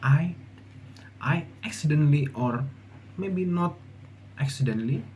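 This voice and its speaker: Speaking English as a second language, this young adult vlogger from Indonesia has an Indonesian accent and talks in a loose, faltering monologue packed with fillers and false starts. He sits on the higher side and sounds a little mellow, over a touch of hiss or hum.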